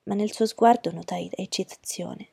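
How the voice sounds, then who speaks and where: A woman narrating an audiobook in a steady, even storytelling voice. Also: mid-range voice, normal speed, gravelly, husky, no room sound, studio quality. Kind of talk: audiobook reading.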